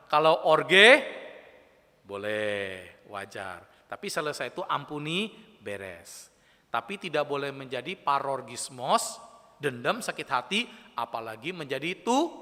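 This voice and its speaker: A man's voice: medium pitch, bright, forceful tone, long reverb tail. A man preaching a playful youth sermon who keeps asking the audience questions. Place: church, live-streamed service.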